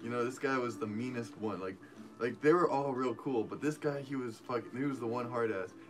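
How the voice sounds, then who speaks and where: A man telling a story casually, rambling and halting, with lots of fillers. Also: medium pitch, soft background music, low-quality recording.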